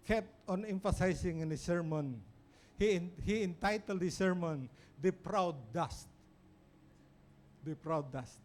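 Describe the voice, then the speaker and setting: A man with a Filipino accent preaching a sermon in church, moving between English and Tagalog with dramatic pauses. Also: high-pitched. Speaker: pastor.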